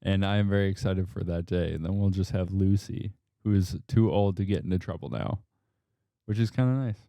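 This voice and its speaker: Deep, dark-voiced male podcast host. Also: brisk, creaky, no room sound. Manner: teasing, joking asides. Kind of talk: casual family podcast interviewing.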